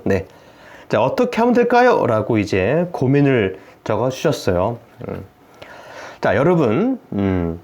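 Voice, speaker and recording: A man who works as a family therapist, giving an explanatory video lecture to parents in an animated way, full of rhetorical questions. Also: medium pitch.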